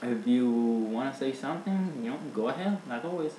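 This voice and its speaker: A man's voice: mid-range voice, animated, moderate pace, warm tone. Young man, casual vlog rant, rambling and blunt, roomy echo, faint hiss. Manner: rambling, filler-heavy, blunt and opinionated. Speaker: vlogger. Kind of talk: casual opinion rant to camera. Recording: echoey room with faint hiss.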